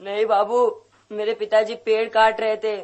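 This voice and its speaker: Poor village boy, high flat voice, pleading and tearful, radio play. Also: measured pace. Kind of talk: Hindi radio drama acting.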